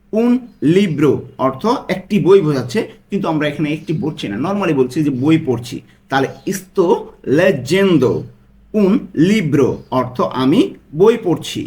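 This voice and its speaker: A man teaching a language lesson step by step. He repeats each phrase slowly and clearly and stresses every word. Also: fairly high pitch.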